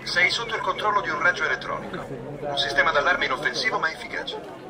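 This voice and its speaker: An actor voicing a calm, formal male talking car computer, played from a car speaker. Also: fairly high pitch. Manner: calm, measured, formal machine speech. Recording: distant speaker outdoors, crowd noise. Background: loud outdoor crowd.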